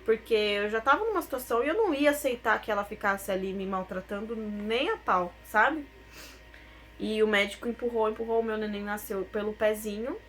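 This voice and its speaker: A woman's voice: medium pitch, brisk, a bit bright, slight background noise. A young woman, telling her own story as a personal testimony, emotional and tearful at times.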